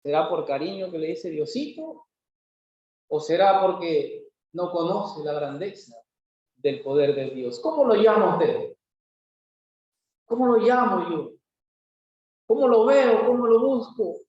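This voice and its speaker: A man's voice: high voice, a little slow. A man preaching a sermon in a church, driving points home with rhetorical questions and emphatic repetition. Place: church worship hall. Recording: very echoey hall, dull lo-fi sound.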